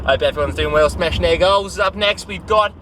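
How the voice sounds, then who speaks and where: A man's voice: high-pitched, brisk, fairly bright tone, slight background noise, voice pushed up. A man voicing an upbeat male radio DJ with a put-on Australian accent, speaking in breezy announcer patter.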